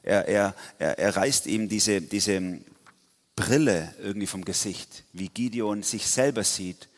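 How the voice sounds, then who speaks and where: Male preacher, lowish voice, casual and slangy, recorded with a long hall echo. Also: a little slow. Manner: casual, with slang and frequent restarts. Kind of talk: lively sermon.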